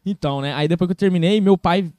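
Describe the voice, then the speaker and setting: Brief: guest storyteller, high voice, dry close sound, animated and quick. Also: male voice, no room sound. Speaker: podcast guest, singer. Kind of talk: casual storytelling chat.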